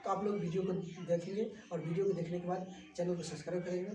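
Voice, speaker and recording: A man teaching a lesson, slowly repeating and listing items one by one in a classroom with a board. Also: high voice, steady tone, warm tone, slight background noise. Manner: slow, repetitive, lists items one by one. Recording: echoey room from a distance.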